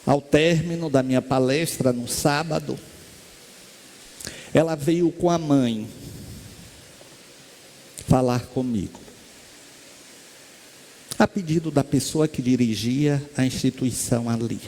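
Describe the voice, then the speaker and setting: A man's voice: mid-range voice, slow, pauses often, a little hiss or hum. A man with a Brazilian Portuguese accent giving a spiritist lecture, telling stories and acting out the voices of the people in them. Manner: lively storyteller, acts out quoted voices. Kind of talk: storytelling lecture. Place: lecture hall stage.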